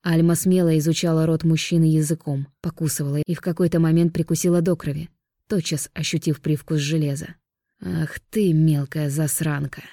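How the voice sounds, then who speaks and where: A woman narrating an audiobook in a steady, even storytelling manner. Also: low-pitched, brisk, dry recording, studio quality. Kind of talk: scripted narration.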